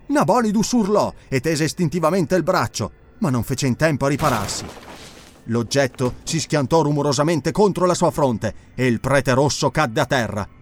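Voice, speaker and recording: A man reading an audiobook in a measured, expressive narration. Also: on the high side, slight background noise. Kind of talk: scripted dramatic narration.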